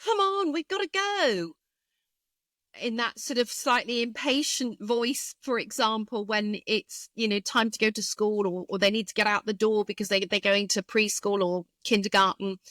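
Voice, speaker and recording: A woman speech therapist, a guest in an interview, explaining carefully and thoughtfully with frequent pauses and fillers. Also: mid-range voice, flat delivery, a bit bright, no room sound. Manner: thoughtful, hesitant with many fillers.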